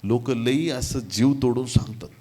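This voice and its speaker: A man preaching a sermon as pastor, moving from quiet storytelling to loud, shouted praise and calls of hallelujah. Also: medium pitch, normal speed.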